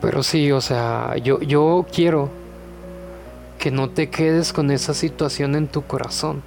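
Slow, relaxed young man. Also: a little high, vocal fry, soft background music. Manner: relaxed, chatty, with many fillers and joking asides. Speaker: podcast host.

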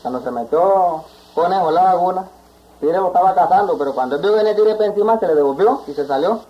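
Fast-talking storyteller, old tape. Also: male voice, high voice. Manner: lively and rambling, acts out animals. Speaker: folk storyteller. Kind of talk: oral folk tale narration. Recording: dull lo-fi 1960s field tape.

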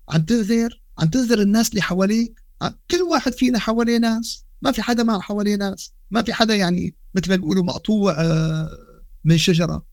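Fast high-voiced Levantine man preaching. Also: no room sound, studio quality. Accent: Levantine Arabic. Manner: animated, rhetorical questions, Quran quotes woven into dialect. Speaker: Islamic lecturer. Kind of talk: religious podcast lesson.

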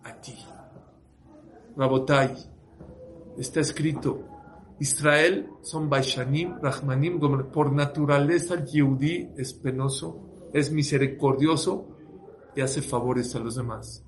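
A man, preaching as a rabbi, who tells a story with lively voiced dialogue. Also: medium pitch, slow pace, slight background noise. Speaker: rabbi giving a talk. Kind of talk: sermon story.

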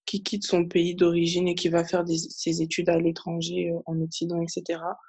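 A young woman from Africa talking casually and thoughtfully, often pausing with fillers. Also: on the low side, monotone, darkish tone, breathy edge. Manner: reflective, hesitant with fillers. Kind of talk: casual chat.

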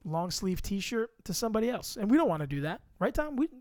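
A man's voice: high voice, very animated, a little fast, a little mellow, no echo. A young man co-hosting a casual podcast. He jokes, teases and drops silly mock raps into a close microphone. The sound is dry. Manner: joking, playful trash talk and mock rapping. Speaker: podcast co-host. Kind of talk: casual chat. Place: home room at a computer.

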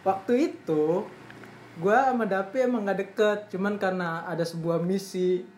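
A woman's voice: medium pitch, moderate pace, darkish tone. A young woman with a Jakarta accent telling an anecdote in casual, slangy Jakarta speech, teasing as she goes. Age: young adult. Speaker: storyteller leading a group chat. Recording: roomy echo, faint background noise.

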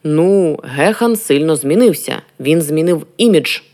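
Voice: mid-range voice, lively intonation, measured pace, a little mellow. A reader voicing a prim, mannered middle-aged radio host in an audiobook. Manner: mannered, lecturing. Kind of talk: audiobook reading.

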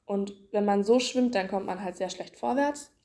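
A woman's voice: mid-range voice, normal speed, warm tone. A woman hosting a podcast, casually explaining children's swimming exercises with playful images and frequent fillers. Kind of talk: casual instructional podcast talk.

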